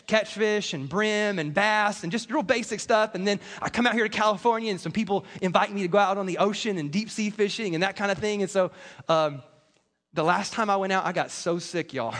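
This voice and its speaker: An American man preaching a conversational sermon in a folksy, self-deprecating, animated way, repeating phrases for emphasis. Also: sits high, a little fast. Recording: reverberant large hall with PA.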